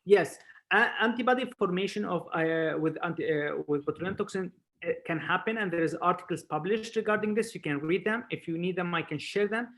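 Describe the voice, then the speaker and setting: A Spanish surgeon lecturer speaks English haltingly in an informal expert talk on a video webinar, repeating words as a non-native speaker. His voice sits high and a bit bright, picked up over a video call.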